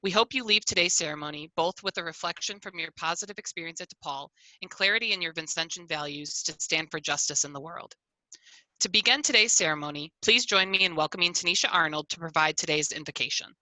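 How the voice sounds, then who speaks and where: A woman welcomes graduates to a virtual ceremony over a video call. Her delivery is earnest and formal, read from prepared remarks with small restarts. Her voice is very bright and sounds dry and close to the mic, with a slightly low pitch. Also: quick pace, no echo, poor audio. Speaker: ceremony host.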